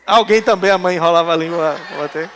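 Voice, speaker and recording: Man, pastor, high voice, joking sermon, acts out quotes. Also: fast talker, a bit bright, a faint crowd, a little hiss or hum. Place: church hall.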